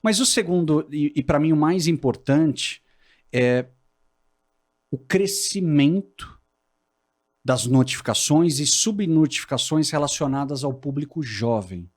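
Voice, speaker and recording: A man hosting an interview podcast, setting up topics in a measured, deliberate way. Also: on the high side, animated. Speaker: podcast host. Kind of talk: casual interview talk.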